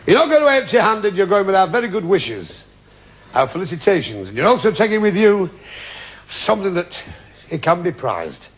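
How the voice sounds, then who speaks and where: A man's voice: high-pitched, very animated, normal speed. Jokey pun-cracking man hosting a game show. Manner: jokey, punning, teasing contestants. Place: TV studio with a live audience. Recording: loud audience and noisy broadcast sound.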